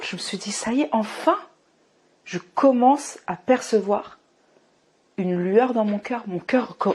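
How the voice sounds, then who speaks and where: A woman in her thirties from France giving a personal faith testimony, emotional and often restarting, moving between hushed and fervent speech. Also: fairly low pitch. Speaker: testimony speaker.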